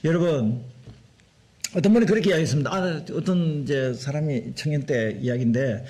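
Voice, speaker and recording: A man preaching a Sunday sermon as a pastor, animated and full of rhetorical questions. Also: fairly high pitch, fairly quick. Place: church sanctuary.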